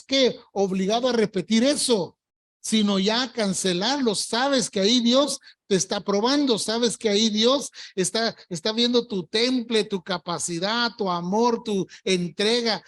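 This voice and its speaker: A man's voice: very high voice, fairly bright tone. Older man, pastor, sermon delivery, emphatic, drags out key words. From Colombia. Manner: emphatic preaching, stretching key words slowly. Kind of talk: evangelical sermon. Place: church service.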